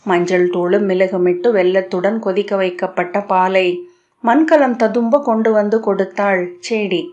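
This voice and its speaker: A woman reads a novel aloud in a steady, literary storytelling manner. Her voice sits at a middling pitch. The recording is muffled and lo-fi. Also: unhurried. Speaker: audiobook narrator. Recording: dull lo-fi audio.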